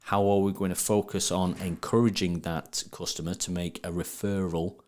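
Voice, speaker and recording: Male podcast guest, deep voice, Sheffield accent, chatty and emphatic, informal northern phrasing. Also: little pitch movement, moderate pace, a little mellow. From Sheffield, England. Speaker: podcast guest, trade business marketing speaker. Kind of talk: casual interview talk.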